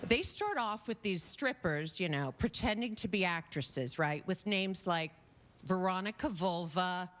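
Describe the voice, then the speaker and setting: A woman's voice: fairly low pitch, animated, a little slow. A woman doing a stand-up comedy set on a TV studio stage. She talks in a chatty way, with lots of "um"s and "okay?" tags. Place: TV studio stage before a live audience. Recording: loud noise over the voice.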